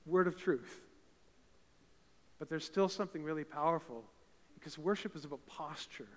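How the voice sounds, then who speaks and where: At a moderate pace, the impassioned pastor from eastern Canada preaches in a church sanctuary, where his big, slightly high voice reverberates. He builds from casual talk to loud, emphatic climaxes.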